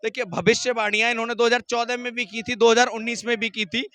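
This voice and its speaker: A man's voice: very high-pitched, little pitch movement, fast, pushed and bright, no echo. A man in a political interview, arguing through rhetorical questions and repeating phrases for emphasis. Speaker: member of the public being interviewed.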